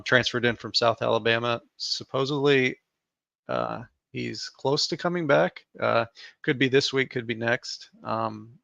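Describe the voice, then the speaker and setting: A man with a heavily gravelly, creaky voice talks through sports picks in a flat, even delivery. He hesitates often and leans on fillers. The sound is dry and slightly dull. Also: medium pitch, dry recording. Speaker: DFS analyst co-host. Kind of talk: casual podcast chat.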